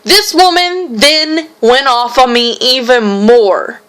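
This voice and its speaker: Young female vlogger, slow and fairly high, telling a frustrated story. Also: clear, resonant tone. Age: young adult. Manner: frustrated, animated retelling with quoted voices. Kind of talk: casual storytelling vlog.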